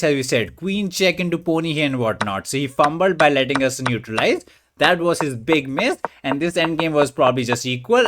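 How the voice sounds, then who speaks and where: A young man talks through his chess moves in quick bursts, slangy and joking, his voice set a little high. He jumps up in pitch when he gets excited and drops low when he mutters, so the commentary swings around. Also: slight background noise. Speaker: chess streamer. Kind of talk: live game commentary.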